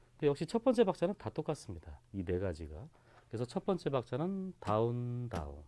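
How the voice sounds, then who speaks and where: A man's voice: mid-range voice, warm tone. A man teaching a guitar lesson, patiently explaining rhythms and counting strokes aloud in a sing-song way. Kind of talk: instructional lesson.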